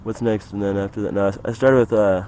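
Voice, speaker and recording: A young man with a lowish, mellow voice rambles through a casual monologue, trailing off and padding his talk with "like" and "you know". He sounds recorded outdoors, with faint traffic noise behind him. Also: fast, low-quality recording. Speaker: vlogger.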